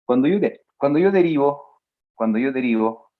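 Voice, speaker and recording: A male teacher giving a spelling lesson, drawing out his words slowly and adding playful asides to his students. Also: medium pitch, expressive, phone-quality sound. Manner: slow, drawn-out words, playful asides to the listener.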